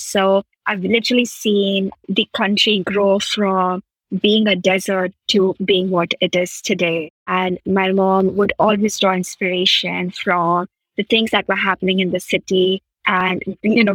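A podcast guest who was raised in Qatar after being born in India speaks with earnest enthusiasm about her past, her sentences long and flowing. The conversation is a reflective interview; her mid-range, slightly bright voice has no room sound, and the audio is poor.

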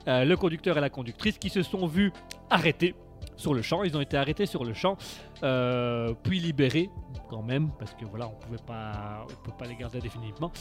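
A man's voice: medium pitch, a little fast, soft background music. A man hosting live radio, chatting through the news in a rambling, sarcastic way, full of fillers and restarts. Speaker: radio host.

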